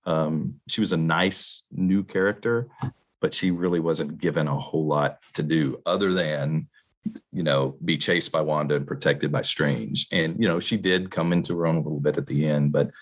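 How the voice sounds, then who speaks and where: A married man co-hosting a podcast, chatting casually about a movie with relaxed, measured talk and frequent pauses. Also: rumbling low. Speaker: podcast co-host. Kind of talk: casual film review chat.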